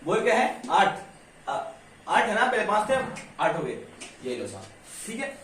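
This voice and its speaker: Patient high-voiced maths teacher in an echoey classroom. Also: male voice, huge pitch swings, unhurried, a bit bright. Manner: patient, checks understanding constantly with "ठीक है?"; slips into rural dialect endings. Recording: echoey room, mic far off, faint hiss.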